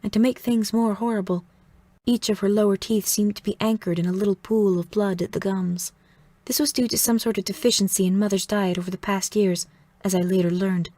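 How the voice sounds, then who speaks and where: A woman's voice: mid-range voice, fairly even intonation, brisk, dark tone, no echo. Woman narrating a novel, dry sound. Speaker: audiobook narrator. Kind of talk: scripted first-person narration.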